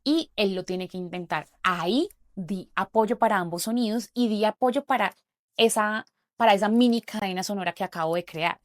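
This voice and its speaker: A young woman gives a relaxed lesson as a speech therapist, leaning on fillers as she works through each step. Her voice sits at a middle pitch. The recording is dry and close, with no room sound. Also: normal speed, no room sound. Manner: chatty, explains step by step, uses many fillers like "o sea". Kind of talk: casual explanatory lesson.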